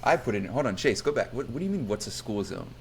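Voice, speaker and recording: An American man co-hosting a podcast, chatting casually with a profane, joking, loud manner. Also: on the low side, expressive, fast talker, vocal fry, a little hiss or hum. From United States. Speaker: podcast co-host. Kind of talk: casual chat.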